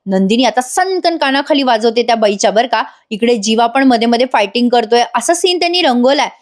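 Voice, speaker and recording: A woman's voice: on the high side, expressive, fairly quick. Chatty woman recapping a serial. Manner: chatty, addresses viewers directly. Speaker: TV serial reviewer. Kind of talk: voice-over episode recap.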